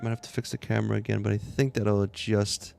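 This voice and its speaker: A man's voice: lowish voice, flat delivery, fast, gravelly, a little mellow, a little hiss or hum. A man streaming a game from his room at home, chatting casually with viewers and telling rambling, laughing anecdotes full of restarts. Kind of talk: casual chat with stream viewers while gaming.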